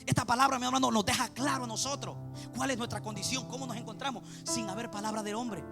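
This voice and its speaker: A man's voice: very high-pitched, fairly even intonation, fast, creaky, music in the background. A man preaching a fervent sermon in Spanish, repeating phrases and calling out to his beloved brothers. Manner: fervent, repetitive, addresses listeners as beloved brother.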